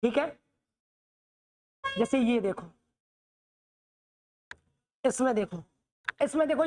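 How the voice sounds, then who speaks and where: A woman teaching the Hindi alphabet in a classroom lesson, asking questions and answering them herself, often checking that students understand. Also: high-pitched.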